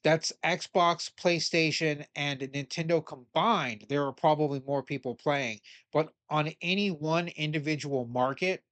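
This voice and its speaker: A man with a fairly high voice talks through a news article in a casual, blunt way, cursing now and then and pushing back on what it says. The sound is dry and close, with no room around it. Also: measured pace, hardly any pauses, a bit bright, no echo. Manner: blunt, opinionated, swears casually; argues with the article as he reads it aloud. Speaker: commentator.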